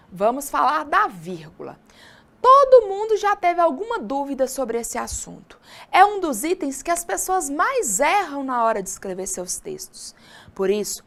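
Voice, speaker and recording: A woman teacher from Brazil with a Brazilian Portuguese accent, giving a recorded distance-learning lesson and often asking her students questions. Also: high-pitched. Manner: lively, addresses students directly with questions.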